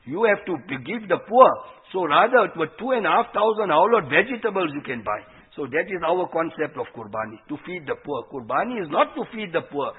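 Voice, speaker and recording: A man delivers an informal religious talk in a rough, husky voice that sits a little high. He is earnest and didactic, often putting questions to his listeners. The sound is dull and lo-fi, like a cheap radio. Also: big pitch swings, a little fast, hardly any pauses. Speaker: Islamic preacher. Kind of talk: informal religious sermon, explaining and translating quotations.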